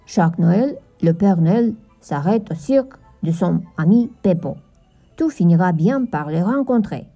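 Kindly elf chief, lowered soothing voice, slow and mellow, woman voicing him. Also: animated, soft background music. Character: kindly chief of the elves, male.

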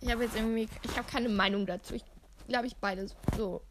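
Young female podcast co-host, slightly high voice, casual self-mocking banter. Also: steady tone, noisy background. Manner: chatty, self-mocking, quick asides. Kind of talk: casual chat.

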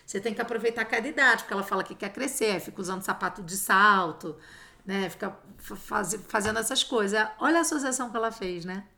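A woman chatting casually and telling stories about her young daughter in an animated way. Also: mid-range voice, fast, gravelly. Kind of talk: casual chat.

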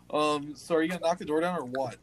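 A man running a tabletop game as game master, amused and quick to react. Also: a little high. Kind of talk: casual tabletop game narration.

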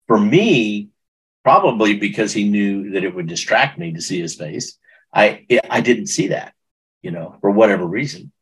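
A man's voice: on the low side, lively intonation, normal speed, a bit bright, husky, poor audio. A middle-aged man recounting a personal testimony in an interview, earnest and emotional, often restarting his sentences. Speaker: guest.

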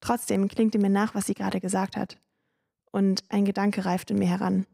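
Gravelly-voiced woman narrating a podcast story. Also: medium pitch, level tone, normal speed, dark tone, dry recording, studio quality. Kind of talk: scripted first-person story narration.

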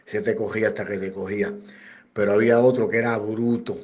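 A man's voice: fairly low pitch, quick pace. A man with a Puerto Rican accent telling true stories from his days as a security guard in a casual, slangy way, acting out the people he quotes. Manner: animated, acts out quoted voices, slangy. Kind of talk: casual storytelling. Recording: dull lo-fi recording with faint noise.

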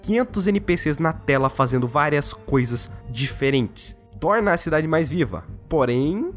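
A man's voice: on the high side, expressive, normal speed. A young Brazilian man giving a casual, blunt and opinionated game review, swearing freely. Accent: Brazilian Portuguese. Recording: faint music behind the voice.

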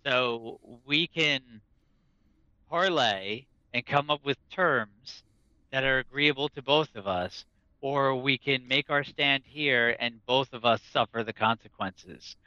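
A man voicing a proud, wary hobgoblin raid leader in a tabletop game, speaking in measured, haughty, formal phrases with menace. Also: mid-range voice, pushed and bright, clear, resonant tone, dry recording, muffled recording. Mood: coolly threatening.

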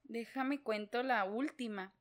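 A woman's voice: a little high, a little slow. A young Mexican woman co-hosting a casual chat show, making crude, slangy jokes. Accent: Mexican Spanish. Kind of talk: casual chat, reading a message aloud.

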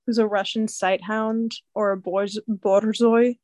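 Medium in pitch and slightly nasal, this young woman's voice keeps a measured pace with no echo. She's chatting casually, telling meandering, animated stories loaded with fillers.

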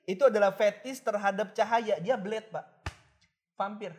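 A man's voice: high voice, normal speed, darkish tone. A man chats loosely with a friend. He laughs a lot between lines and stumbles when reading out strange terms. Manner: giggly, stumbles over reading odd words aloud. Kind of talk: casual chat.

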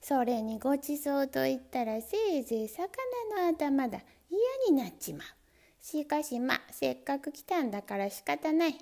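A woman's voice: high-pitched, animated, moderate pace, gravelly, warm tone. A woman doing a pompous, whiny little mouse. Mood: haughty. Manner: haughty, complaining, whining.

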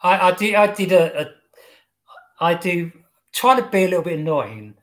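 English man, high voice, joking anecdotes, laughing, halting restarts. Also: lively intonation. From England. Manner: jokey storyteller, laughs often, halting restarts. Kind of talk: casual podcast chat.

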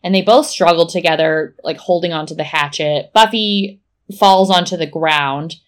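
A woman co-hosting a podcast, retelling a TV episode scene by scene in a casual, animated way. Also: low voice, normal speed. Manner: animated play-by-play storytelling. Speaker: podcast co-host. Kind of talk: casual episode recap chat.

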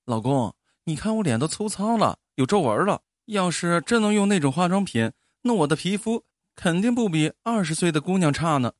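A man voicing a thrifty, sharp-tongued middle-aged wife who scolds and coaxes by turns. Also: high voice, very animated, dry recording, studio quality, pitched above the performer's own voice. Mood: wistful. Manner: quick, scolding, coaxing tones. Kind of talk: storytelling with character voices.

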